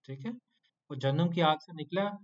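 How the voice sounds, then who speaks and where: A man's voice: a little high, animated, moderate pace, lo-fi sound. Male teacher coaxing students through quizzes. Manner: playful scolding, pleads for homework. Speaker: Quranic Arabic teacher. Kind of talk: online class teaching.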